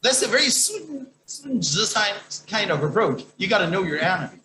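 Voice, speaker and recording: A man lecturer answering an audience question in an academic Q&A, talking emphatically with wide swings in pitch. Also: big pitch swings, moderate pace, sharp tone. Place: lecture hall. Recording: echoey hall.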